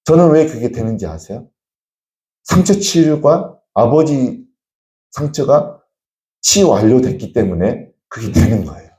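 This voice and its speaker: Male pastor, sermon; expressive swinging delivery, exhorting the congregation. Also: medium pitch, normal speed, echoey room. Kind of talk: sermon at an evening prayer meeting. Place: church.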